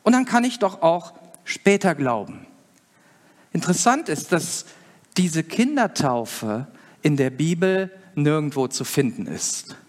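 A man's voice: a little high, big pitch swings, measured pace. A man preaching a sermon, earnestly explaining and putting questions to his listeners. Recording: long hall reverb.

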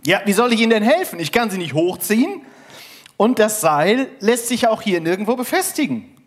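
A man's voice: fairly high pitch, sing-song, measured pace. Man doing an exasperated wanderer. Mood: agitated. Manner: agitated, then firm. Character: exasperated male wanderer holding a rope.

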